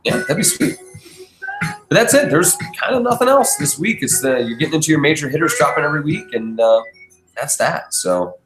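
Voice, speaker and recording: A man hosting a podcast in an almost empty basement, chatting in a relaxed, rambling way and chuckling often, his voice echoing off the bare room. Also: a little high, a little fast, over music. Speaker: podcast host. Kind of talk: casual chat.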